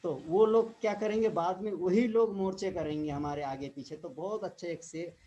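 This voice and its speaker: A man's voice: high-pitched, normal speed, mellow, highs cut off. Man with a raised voice giving a pep talk. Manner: repetitive, with frequent tag questions and throat clearing. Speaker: direct-selling distributor. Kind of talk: informal motivational talk.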